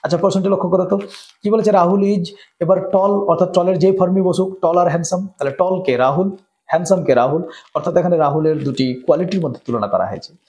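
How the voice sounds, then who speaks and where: The muffled recording carries a high-pitched, darkish male voice with a Bengali accent teaching English grammar. He explains each rule, checks often with "right?" and reads examples slowly.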